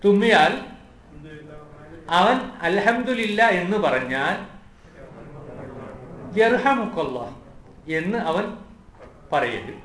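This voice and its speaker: A man teaching a lesson, slow and patient, repeating words for the class to recite. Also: high-pitched, sing-song, a bit bright. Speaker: Arabic teacher. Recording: echoey room, faint ambient noise.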